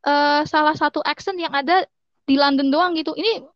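A woman's voice: high voice, normal speed, no echo. A young woman in casual chat, often switching into English phrases while she explains. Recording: dull, slightly muffled audio.

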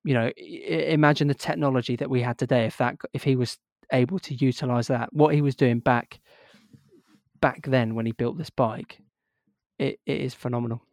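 Male co-host, enthusiastic and rambling, dry close sound, mid pitch. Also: fairly even intonation, a little fast, darkish tone, no room sound. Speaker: podcast co-host. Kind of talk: casual chat.

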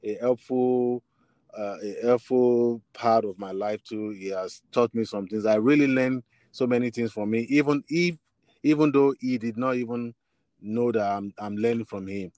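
In a dry recording with no echo, a man with a Nigerian accent speaks at normal speed in a medium-pitched, darkish voice. He's a bassist and singer guesting on an interview, answering questions and telling stories about himself. His delivery is hesitant, full of repeated words as he gropes for phrasing.

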